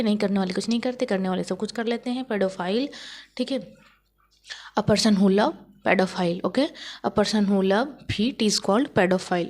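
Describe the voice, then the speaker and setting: A woman's voice: medium pitch, darkish tone. Woman teaching vocabulary with constant questions. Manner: repetitive classroom style, keeps asking questions and saying "theek hai"; spells words out letter by letter. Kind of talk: vocabulary lesson for exam students.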